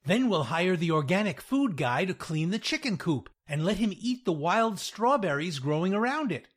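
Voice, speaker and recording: A man reads the part of a crafty old leader of a church group, drawling his plans slowly. The voice sits high and swings widely. It comes across as a storybook figure. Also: very animated. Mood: scheming.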